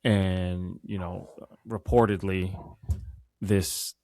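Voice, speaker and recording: A man co-hosting a casual podcast, talking in a slow, laid-back way. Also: sits low, steady tone, a little mellow, dry recording, clean studio sound. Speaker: podcast co-host. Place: home setup in Amsterdam.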